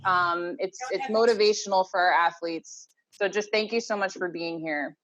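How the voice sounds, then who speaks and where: A woman's voice: fairly low pitch, fairly even intonation, normal speed, fairly bright tone. A woman hosting a webinar over a video call, introducing things in a casual, upbeat and enthusiastic way. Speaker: webinar host. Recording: dull, lo-fi video-call audio.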